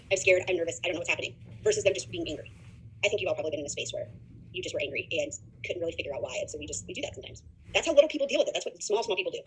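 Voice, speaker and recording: A woman in her thirties lectures future teachers in a loose, conversational way, looping back and restarting as she tells stories. Her voice is slightly husky and she talks very fast, piling one thought onto the next. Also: fairly low pitch, a bit bright, low-quality recording. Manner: fast, chatty storytelling with many restarts. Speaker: teacher educator. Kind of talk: casual classroom lecture.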